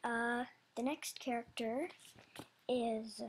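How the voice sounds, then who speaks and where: A woman with a fairly high, steady, husky voice speaks slowly. She's an animator casually describing characters for voice auditions, her loosely scripted announcement hesitant, rambling and apologetic.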